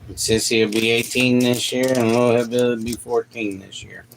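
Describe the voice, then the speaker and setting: A man in his late forties co-hosting a casual family livestream, easygoing and quick to laugh. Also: mid-range voice, little pitch movement, slight background noise, rough recording. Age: late 40s.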